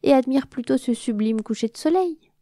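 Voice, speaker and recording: A woman's voice: sits high, lively intonation, moderate pace, mellow, no echo, studio quality, pitched above the performer's own voice. Woman playing a sly scheming wasp. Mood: coaxing. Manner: sly, pushy.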